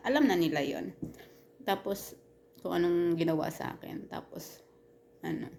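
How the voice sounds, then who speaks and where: A woman telling a personal story in casual storytime style, halting with many restarts and fillers, earnest and turning heated at times. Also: mid-range voice, a little mellow, a little hiss or hum.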